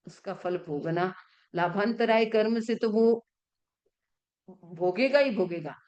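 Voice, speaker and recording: A woman, a Jain nun, teaching a class in religious chanting and pronunciation. She asks the class questions and answers them herself, and slows right down to sound out words. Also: mid-range voice, a little mellow. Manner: stretches words slowly when showing pronunciation.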